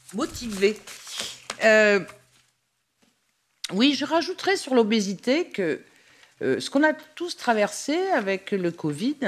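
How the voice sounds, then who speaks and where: A woman's voice: medium pitch, slight background noise. A woman moderating a seminar off the cuff, in loose, broken phrases. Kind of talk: spontaneous moderating.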